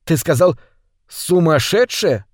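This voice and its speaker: A man's voice: fairly high pitch, moderate pace, darkish tone, no echo, studio quality, lightly acted. A man voicing an earnest young male officer who speaks urgently.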